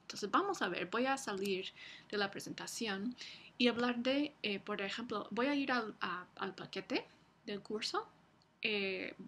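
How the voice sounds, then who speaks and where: A woman university lecturer giving a recorded lecture, explaining slowly with frequent fillers and restarts. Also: medium pitch, a bit bright, a little hiss or hum.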